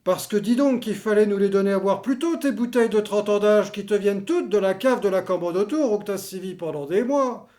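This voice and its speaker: A man's voice: high-pitched, a little fast, few pauses, warm tone, close to an everyday voice. A man playing a grumbling, mocking old war veteran in a theatrical comedy, blustering in twisted colloquial slang.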